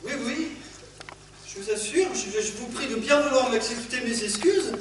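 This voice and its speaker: Guy playing a polite apologetic man w/ tourette's, high voice, stage play recorded from far in an echoey hall. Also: expressive, moderate pace. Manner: courteous, apologetic, with sudden shouted obscene outbursts. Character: polite middle-aged man with Tourette's blurting insults. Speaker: amateur stage actor. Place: theatre stage. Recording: echoey hall miked from afar, background noise.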